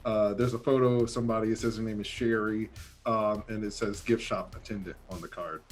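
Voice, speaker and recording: A man's voice: on the low side, steady tone. Easygoing male game master, faint music. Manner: casual, halting narration with many fillers. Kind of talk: narrating a tabletop game.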